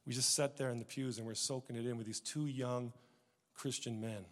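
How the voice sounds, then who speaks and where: A man preaching a sermon as a pastor, animated, swinging from hushed, intimate moments to loud, emphatic ones. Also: medium pitch, a little fast. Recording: long echo of a church hall.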